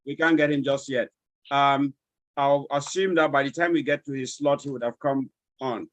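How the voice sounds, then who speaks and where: A man with a Nigerian accent moderating an online webinar over a video call, courteous and halting as he checks who has joined. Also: mid-range voice, steady tone, no echo.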